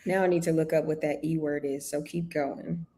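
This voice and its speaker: Chatty low-voiced woman in a casual chat. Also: fairly even intonation, moderate pace, mellow. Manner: chatty, trailing restarts, exclaims oh my God.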